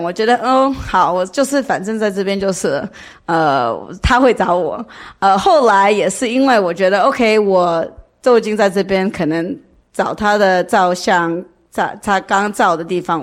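A woman with a foreign accent telling a personal story informally in non-native Mandarin, searching for words and mixing in English. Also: mid-range voice. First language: not a native Mandarin speaker. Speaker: speaker giving a testimony.

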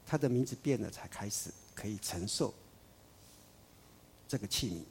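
A man preaching a sermon, emphatic, swinging between loud declarations and soft asides. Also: fairly low pitch, expressive, normal speed, vocal fry, a little hiss or hum.

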